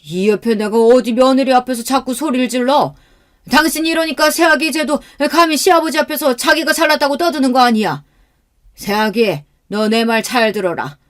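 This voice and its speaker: A woman's voice: high-pitched, normal speed, voice pushed up, close to an everyday voice. Woman acting out a hot-tempered old father-in-law. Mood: shouting lecture. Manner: loud scolding, lecturing.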